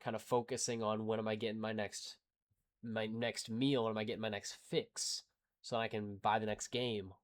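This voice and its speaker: A young man with a lowish voice rambles casually to his viewers, a gaming creator wrapping up a long video. He talks in loose restarts and self-deprecating asides, warm and unpolished. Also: level tone, moderate pace. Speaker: gaming YouTuber.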